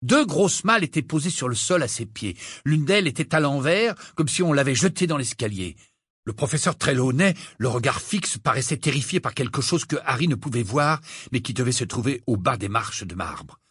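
A man narrating an audiobook with expressive storytelling. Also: medium pitch, brisk, husky, dry recording, clean studio sound. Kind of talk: scripted narration.

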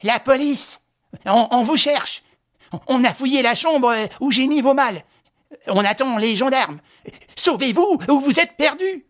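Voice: sits high, lively intonation, measured pace, pitched above the performer's own voice. A reader voicing a frantic, stammering old innkeeper woman. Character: panicked old female innkeeper.

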